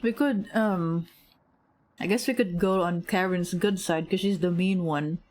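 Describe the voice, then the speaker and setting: A woman streaming a video game, chatting casually in rambling asides with sudden high squeaks of surprise, on a desk microphone at home. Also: unhurried, darkish tone. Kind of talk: casual game commentary while reading dialogue aloud.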